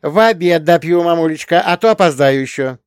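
A man's voice: fairly high pitch, lively intonation, fairly quick, smooth, no echo, studio quality, voice pushed up, close to an everyday voice. A man reading an audiobook and voicing a playful, teasing teenage schoolgirl. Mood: bubbly. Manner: bright, bubbly, teasing.

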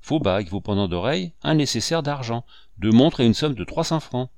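A man reading aloud, voicing a smooth, sly male gendarme captain who answers calmly and curtly. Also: mid-range voice, a little fast, dry recording, studio quality, close to an everyday voice.

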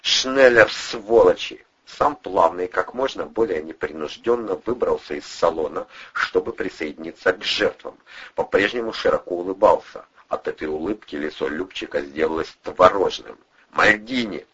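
A man narrating an audiobook in a steady, even storytelling manner. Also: deep voice, moderate pace, breathy edge, muffled recording. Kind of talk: scripted narration.

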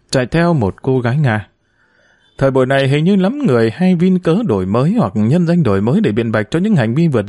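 A man narrating a novel in an expressive, steady literary reading. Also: mid-range voice, no echo, studio quality. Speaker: audiobook narrator. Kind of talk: scripted narration.

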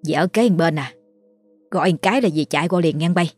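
An anxious older village neighbor, chattering and fussing in a lowish voice, as a woman storyteller puts her on. The sound is dry and close. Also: brisk, a little mellow, husky, no room sound, faint music behind. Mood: tired.

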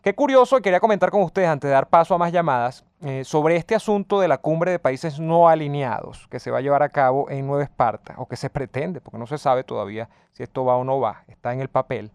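A male radio co-host with a smooth, resonant voice that sits slightly high for a man. He reads listener messages and talks politics with rising emphasis. The studio sound is close and dry. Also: a little fast, hardly any pauses, dry recording. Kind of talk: casual radio talk and political commentary.

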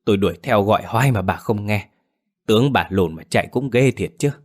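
A man's voice: fairly low pitch, lively intonation, brisk. A man voicing a blunt middle-aged village neighbor who asks chiding questions.

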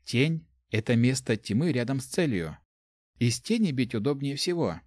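Soft young heroine of a fantasy audiobook, calm and explaining, as a male narrator reads her in a slightly raised voice. Dry, close sound. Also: mid-range voice, moderate pace, no echo. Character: young woman, gentle apprentice assassin.

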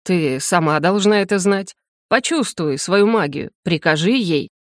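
A woman's voice: on the low side, no room sound, studio quality. A woman doing a cold, detached male magister. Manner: flat, unhurried, curt.

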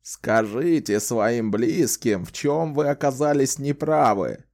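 A man voicing a sly, wry old male wizard who talks in a slow, theatrical, teasing way in an audiobook. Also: mid-range voice, darkish tone. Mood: stern, bargaining. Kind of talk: audiobook character voice.

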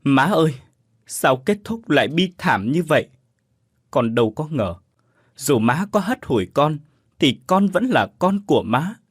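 A man's voice: fairly high pitch, lively intonation, a little fast, no echo, studio quality. A man voicing an anxious, grieving young son in a storybook ghost tale, pleading in agitated outbursts. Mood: distraught.

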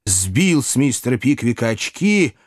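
A man narrating a classic novel as an expressive audiobook reader. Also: mid-range voice, unhurried, no room sound, clean studio sound. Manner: expressive, animated storytelling.

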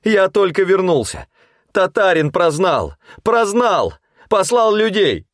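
A man voicing a frantic, ragged young male scavenger who shrieks and pleads in a shrill, crazed way. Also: very animated, measured pace, no echo, clean studio sound. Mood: frantic shrieking.

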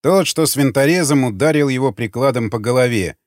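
A man reading an audiobook in steady, dramatic storytelling. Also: mid-range voice, brisk, no room sound, clean studio sound. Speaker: audiobook narrator. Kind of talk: audiobook narration.

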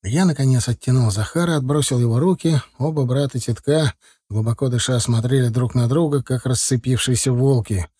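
Male audiobook narrator; measured first-person reading, dark, dry. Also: mid-range voice, husky, no room sound. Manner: measured, calm storytelling.

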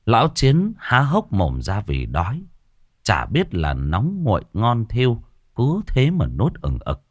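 Low-voiced male horror storyteller. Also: measured pace, dry recording, studio quality. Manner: dramatic, expressive storytelling. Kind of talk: ghost story narration.

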